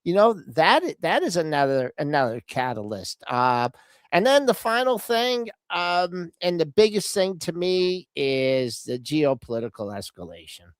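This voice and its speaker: An older woman talking through the market with a measured, halting delivery. Her voice is fairly low but moves up and down freely. The recording is close and dry. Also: big pitch swings, no room sound. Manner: measured, hesitant, full of fillers and restarts. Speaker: co-host of a market show. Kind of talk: casual market talk.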